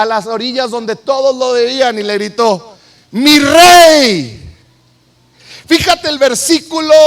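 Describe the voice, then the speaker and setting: A man preaching, retelling a Bible story with animated, acted-out quotes. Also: very high voice. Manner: animated, acts out scenes with shouted quotes. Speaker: pastor. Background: soft piano.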